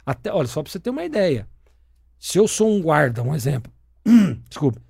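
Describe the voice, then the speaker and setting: Animated Brazilian man, fairly high voice. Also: fairly quick, vocal fry, husky, no echo, studio quality. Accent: Brazilian Portuguese. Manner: animated storyteller, swears freely. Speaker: former footballer turned sports broadcaster. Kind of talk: casual interview chat.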